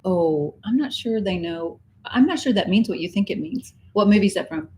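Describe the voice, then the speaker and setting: A woman's voice: medium pitch, lively intonation, moderate pace, a little mellow, a little hiss or hum. A woman co-hosting a casual cruise livestream from home, chatty and giggly with many fillers. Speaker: co-host of a cruise channel livestream. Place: home indoors.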